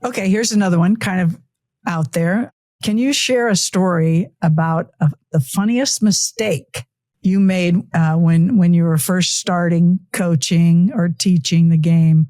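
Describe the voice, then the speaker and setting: A woman interviewer with a fairly low voice, asking questions warmly and encouragingly. Her sound is dry and close, with no room echo. She keeps her replies short and affirming. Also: measured pace. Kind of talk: casual interview conversation.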